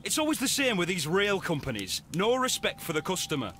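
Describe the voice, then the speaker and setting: A man's voice: sits high, huge pitch swings, fairly quick, bright, forceful tone, slight background noise, full character voice. An actor playing an indignant male train passenger who complains in a huffy tone in a video game.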